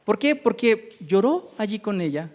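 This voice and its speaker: A man's voice: sits high, normal speed. A man preaching a sermon, reading scripture and explaining it with many restarts and repeated words. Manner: expressive, repeats words and restarts while searching for them; reads scripture aloud then explains it to the congregation. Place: church hall. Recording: long hall reverb.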